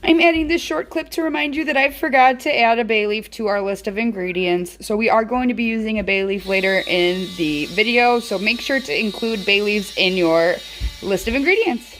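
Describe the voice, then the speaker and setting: Filming on a handheld phone in her kitchen, a home cooking channel host chats her way through a casual tutorial, rambling and saying um a lot. Her voice is mid-range and a bit bright, at a moderate pace, though she thinks it sounds off.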